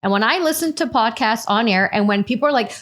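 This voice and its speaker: Higher-voiced woman hosting a chat. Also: animated, fast, a bit bright. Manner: bossy big-sister moderating. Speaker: podcast host and moderator. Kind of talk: casual podcast chat.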